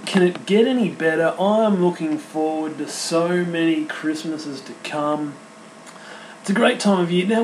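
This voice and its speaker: An Australian man in his thirties hosting an unscripted solo podcast, chatty and sentimental, talking in halting bursts full of restarts and fillers. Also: high voice, darkish tone, roomy sound, a little hiss or hum, poor audio. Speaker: podcast host. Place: home studio.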